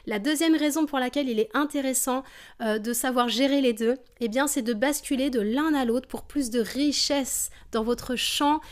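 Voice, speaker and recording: A woman teaching a singing lesson, explaining vocal technique calmly and demonstrating exercises. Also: sits high.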